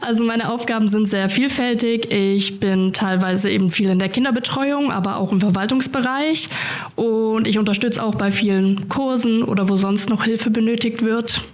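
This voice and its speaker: A woman's voice: fairly high pitch, moderate pace. An eighteen-year-old woman volunteer describing her tasks in an orderly way.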